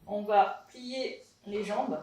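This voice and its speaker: A woman's voice: medium pitch, steady tone, extremely slow, mellow, distant mic. A woman teaching a pilates class at home, chatty and encouraging as she guides the moves. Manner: chatty and encouraging, tags lines with "hein". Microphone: camera in front of her. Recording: echoey room, voice from afar.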